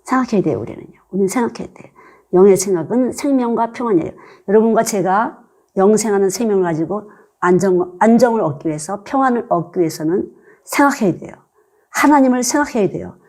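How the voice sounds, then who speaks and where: A woman's voice: medium pitch, expressive, fast, a little mellow. An older woman preaching a sermon as a missionary, earnest and conversational, asking her listeners rhetorical questions.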